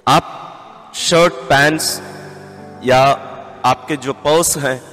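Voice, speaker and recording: Earnest priest with lively pitch, echoing hall. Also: male voice. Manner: earnest, instructive, counts out numbered points. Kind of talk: sermon-style teaching talk. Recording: long hall reverb with faint music.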